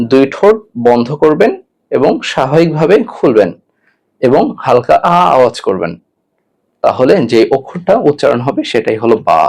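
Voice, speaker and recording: Male Quran tutor, slow and patient, repeats every letter three times for the learner. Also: mid-range voice, a little mellow. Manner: gives step-by-step mouth instructions. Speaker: Quran recitation teacher. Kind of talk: online lesson on Arabic letter pronunciation.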